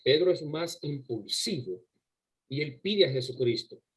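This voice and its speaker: A man's voice: on the high side, expressive, a little slow, breathy edge, poor audio. A man preaching a sermon to his congregation, emphatic and full of rhetorical questions, often repeating words as he goes. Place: church service before a congregation.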